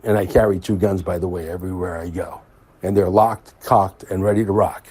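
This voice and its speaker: Guy hosting a podcast, kinda husky voice, hammering points home, says stuff twice. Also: sits low, fairly even intonation, a little fast, darkish tone. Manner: emphatic, repeats himself for stress. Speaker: podcast host. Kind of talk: casual monologue.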